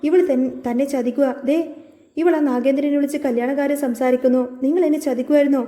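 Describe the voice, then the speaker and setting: A fierce middle-aged mother who scolds sharply, read by a woman. The voice is high and rushed. The recording has a roomy echo. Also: fairly even intonation, warm tone, natural voice. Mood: furious. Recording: echoey room.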